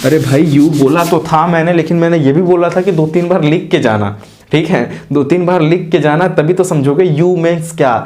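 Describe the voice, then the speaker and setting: A male teacher with a slightly raised voice leads a casual chemistry lesson at the board. He addresses the students directly and coaxes them with repetition. Often he slows right down to chant memory tricks syllable by syllable. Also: fairly high pitch, a little mellow. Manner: repetitive, coaxing, talks straight to students. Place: classroom with a writing board.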